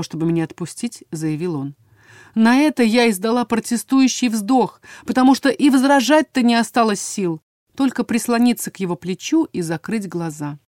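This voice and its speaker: A woman narrating a first-person fantasy audiobook in a dramatic, expressive reading, close on the mic. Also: mid-range voice, dry recording.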